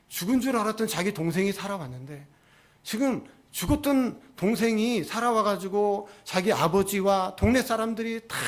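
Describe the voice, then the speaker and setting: A male pastor preaching a sermon, retelling a story and asking his congregation questions. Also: sits high.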